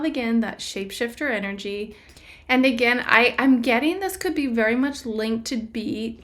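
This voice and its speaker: Woman musing through a tarot reading. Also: medium pitch. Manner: rambling, self-correcting, intuitive musing. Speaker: tarot reader. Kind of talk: casual spiritual prediction reading.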